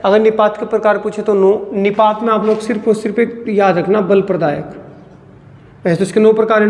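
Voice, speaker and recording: A male teacher giving a grammar lesson for exam students, asking questions and answering them himself, and repeating key phrases slowly for emphasis. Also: sits high. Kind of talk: Hindi grammar lecture. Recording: echoey room with long reverb.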